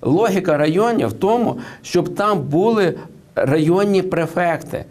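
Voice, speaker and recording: A man, speaking in a fairly high register, gives political and economic commentary in an interview. He hesitates often, restarting his sentences, and leans on anecdotes to make his points. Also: animated, unhurried, darkish tone. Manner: hesitant, many fillers and restarts, tells anecdotes. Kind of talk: studio interview.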